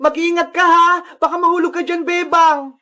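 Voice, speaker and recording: A cartoon voice performer calling out and shouting frantically. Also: very high voice, fairly even intonation, moderate pace. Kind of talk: cartoon voice acting.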